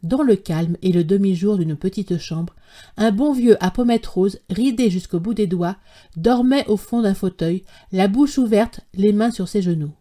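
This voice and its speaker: A woman reads a classic short story as an audiobook, her mid-range voice dark in tone, with a measured, literary delivery.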